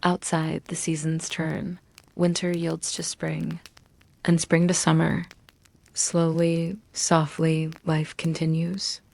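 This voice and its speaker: A woman narrating a bedtime story in a soft, hushed, soothing voice, gently and with long pauses. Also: deep voice, completely flat delivery, creaky. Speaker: narrator of bedtime history stories.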